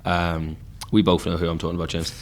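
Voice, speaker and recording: Deep-voiced Geordie man chatting. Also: quick pace. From Newcastle, England. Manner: relaxed storytelling with frequent fillers. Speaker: podcast host and musician. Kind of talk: casual pub chat. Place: pub.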